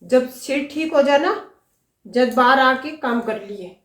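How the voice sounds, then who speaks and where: A woman's voice: high-pitched, takes it slowly, reverberant. A woman playing a caring, fussing middle-aged mother-in-law. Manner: fussing, homely.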